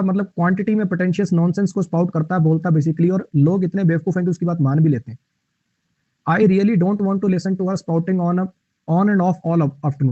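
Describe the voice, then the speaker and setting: A man's voice: high-pitched, warm tone, dry recording, dull audio. A male teacher explaining English vocabulary in Hindi in an online class, repeating himself and chatting with viewers.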